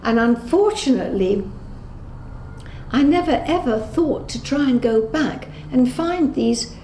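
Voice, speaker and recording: An English Holocaust survivor in her eighties speaks in a high, mellow voice, unhurried and with lively intonation. Reminiscing unscripted in an interview, she tells her memories conversationally, correcting herself and acting out dialogue. Roomy echo and clear background noise accompany her.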